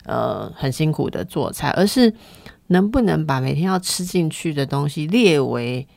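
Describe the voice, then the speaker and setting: Low, gravelly woman host. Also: animated, moderate pace, darkish tone, dry recording. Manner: chatty, frequent "ha" tags, probing questions. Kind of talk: casual interview chat.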